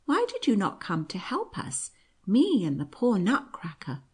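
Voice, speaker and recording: A woman's voice: medium pitch, huge pitch swings, measured pace, breathy edge, voice pushed up, full character voice. A woman voicing a little girl in a sickbed, plaintive and reproachful, as she reads a storybook aloud. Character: girl Maria, upset, sickly, reproachful.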